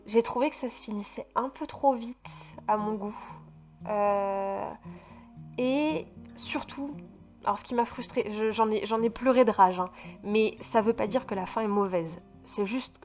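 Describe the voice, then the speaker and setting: A woman from France chatting casually about books in a vlog, stumbling and restarting often with lots of fillers, and speaking emphatically about her feelings. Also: mid-range voice. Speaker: book vlogger. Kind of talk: casual book review chat.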